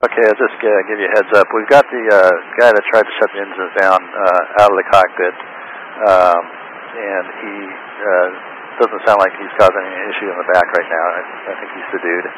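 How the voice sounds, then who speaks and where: A very deep-voiced man speaking as a pilot over a crackly cockpit radio link. He sounds distant and thin through the transmission, with a faint hiss underneath. His delivery is quick and halting, with lots of fillers between phrases. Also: flat delivery, a bit bright. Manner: hurried and halting, with many fillers. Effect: cockpit radio transmission to air traffic control. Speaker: airline pilot.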